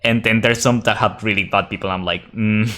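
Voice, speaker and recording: A man's voice: lowish voice, fairly even intonation, a little fast, sharp tone. A young man streaming a game, chatting casually with viewers and reading the game's text aloud, rambling and restarting his sentences and swearing now and then.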